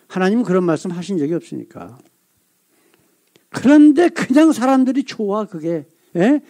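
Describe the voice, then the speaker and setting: A male pastor delivering a sermon, asking the congregation rhetorical questions and reading scripture aloud slowly. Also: high-pitched, mellow.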